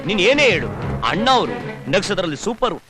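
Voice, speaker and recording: Cocky village headman, wisecracking, rapid, animated, score behind. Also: sits high, over music. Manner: cheeky, wisecracking banter. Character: cocky spoilt rich young village headman, a joker. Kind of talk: Kannada film dialogue.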